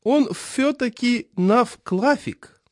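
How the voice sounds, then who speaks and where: A decrepit old chairman, thin and high-pitched, mumbling every hissing sound into a lisp. He drags his words out slowly, his pitch wobbling up and down. The voice sits close and dry, with no room around it. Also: no echo, heavily acted. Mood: approving. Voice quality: lisping, mumbling. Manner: slow, drawling. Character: decrepit, lisping, senile old male chairman.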